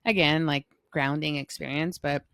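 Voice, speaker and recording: A woman's voice: deep voice, fairly even intonation, moderate pace, a bit bright, no room sound, studio quality. A young American woman from Arizona co-hosting a podcast, chatting informally and agreeably with lots of "like". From Flagstaff, Arizona, United States. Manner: informal, filler-heavy, agreeable. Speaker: podcast co-host. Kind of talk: casual chat.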